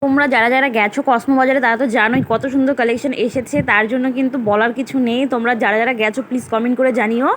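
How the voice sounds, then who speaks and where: Chatty high-voiced young mom vlogging. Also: female voice, steady tone, very fast, few pauses, background noise. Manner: chatty, talks straight to viewers. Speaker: vlogger mother. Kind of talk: casual vlog narration. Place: at home.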